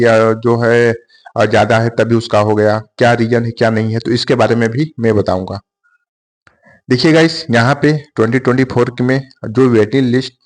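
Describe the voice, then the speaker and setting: An exam coaching channel host walks viewers through updates on exam waiting lists in a casual explainer style. His voice is at an ordinary middle pitch, and he pauses often on fillers, restarts sentences, and keeps calling everyone "guys."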